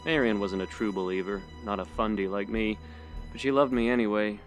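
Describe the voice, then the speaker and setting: A man narrating a short story in a steady, measured first-person reading. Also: lowish voice, faint music behind. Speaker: audiobook narrator.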